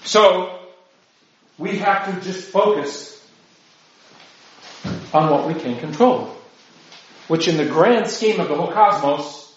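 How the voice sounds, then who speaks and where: A man's voice: high-pitched, slow pace, long pauses. Man, priest, chatty teaching talk, rhetorical asides, dull muffled recording, big echo. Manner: conversational, rhetorical asides, frequent "right?". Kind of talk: informal lecture to a group. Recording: very echoey room, dull lo-fi sound.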